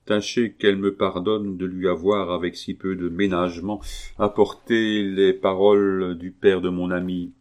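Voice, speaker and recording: A man reading aloud voices an earnest young monk speaking gravely and with measured care. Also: sits low, little pitch movement, darkish tone. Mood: solemn.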